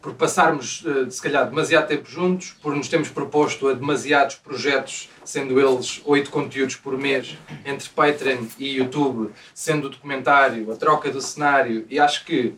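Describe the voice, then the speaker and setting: A young man with a European Portuguese accent, co-hosting a podcast and announcing a break in halting speech full of fillers. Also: mid-range voice, steady tone, fairly bright tone. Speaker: podcast co-host. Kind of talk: casual chat among friends. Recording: distant mic with light noise.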